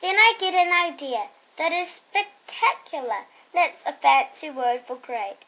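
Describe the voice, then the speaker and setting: A young girl reading a picture book aloud expressively, with chatty, quieter asides to her listeners. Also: high voice, sing-song, a little slow, rough recording. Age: child. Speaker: storybook reader and host.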